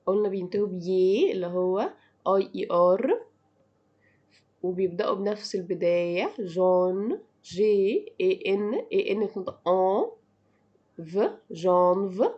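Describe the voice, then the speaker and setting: Woman drilling words slowly, Egyptian accent. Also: mid-range voice, muffled recording. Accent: Egyptian Arabic. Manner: repeats words slowly and clearly for practice. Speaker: French teacher. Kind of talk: slow drilling language lesson.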